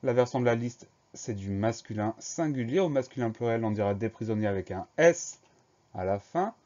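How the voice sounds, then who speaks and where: A man teaching a spelling lesson, slowly and carefully spelling words out letter by letter. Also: mid-range voice, expressive, mellow, muffled recording.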